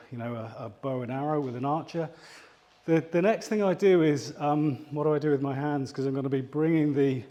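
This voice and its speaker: A man's voice: mid-range voice, dark tone. A man demonstrating tai chi kicks, explaining steps and counting reps while slightly out of breath. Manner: talks while moving, counting reps aloud. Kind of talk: instructional exercise demonstration.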